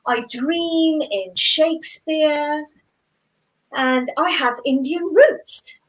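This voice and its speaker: A woman's voice: high-pitched, extremely slow, low-quality recording. A woman from Zambia doing a stand-up comedy set, with punchy delivery and playful self-mocking asides.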